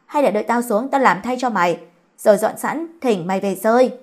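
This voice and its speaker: Brief: woman doing a cranky old landlady type, shrill, quick-tempered scolding. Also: lightly acted. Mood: irritable. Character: harsh old female mistress, scolding and bad-tempered.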